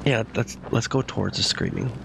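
A man's voice: mid-range voice, a little fast. A man in his thirties giving casual, nervous live commentary as a horror game streamer, swearing freely. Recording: clear game ambience noise behind voice.

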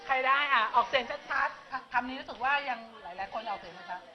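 Woman teacher quizzing her class, kinda high voice, muffled lo-fi sound. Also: a crowd in the background. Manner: brisk, prompting students with quick questions. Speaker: Chinese language teacher. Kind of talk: classroom teaching, drilling pronunciation. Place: classroom full of students. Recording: dull lo-fi classroom recording with students chattering.

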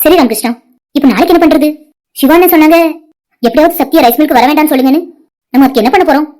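A woman voicing a caring young wife in a cartoon, earnest and quick to scold. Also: high voice, dark tone, close to an everyday voice. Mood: reproachful.

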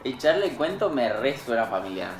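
A young man from Argentina with an Argentine accent, chatting casually, joking loudly and swearing freely with his friend. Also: mid-range voice, sing-song, brisk, roomy sound, faint music behind, poor audio. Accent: Argentine Spanish. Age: young adult. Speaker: game contestant. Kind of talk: casual chat. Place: indoor living room, seated on a couch.

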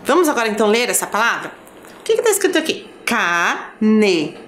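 A woman with a Brazilian accent teaching a children's lesson, counting and spelling out syllables slowly for young pupils. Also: on the high side, big pitch swings, fairly bright tone, a little hiss or hum. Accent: Brazilian Portuguese. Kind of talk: children's lesson on a school TV channel.

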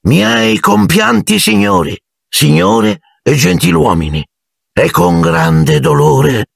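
A man's voice: fairly high pitch, big pitch swings, takes it slowly, vocal fry, slightly rough, no echo, studio quality, pitched above the performer's own voice, exaggerated voice. A man voicing a pompous, touchy ghost nobleman. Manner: stiff, proud and affected.

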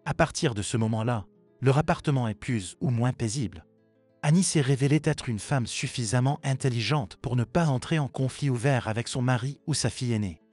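A man narrating a scripted family drama story in an even, steady reading voice. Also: medium pitch, fairly quick. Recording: dry with faint music behind.

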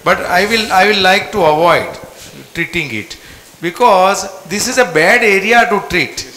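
A man's voice: high voice, expressive, measured pace, sharp tone. Older indian-accented guy, doctor talking through a procedure, echoey noisy room. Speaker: operating cardiologist. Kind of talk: live medical procedure commentary. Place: hospital cath lab. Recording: echoey room with clear background noise and clicks.

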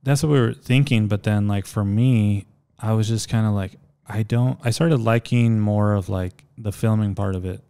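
Male guest from El Paso, Texas, low-ish and gravelly, relaxed storyteller who rambles. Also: moderate pace. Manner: relaxed, rambling with many likes. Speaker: guest, skateboarder and filmmaker. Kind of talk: casual interview chat.

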